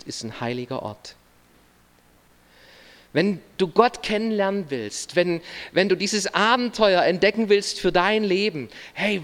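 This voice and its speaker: A man's voice: sits high, fairly bright tone. A man in his thirties, a pastor preaching a sermon earnestly, speaking straight to the listener in short phrases. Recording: long reverb of a large hall.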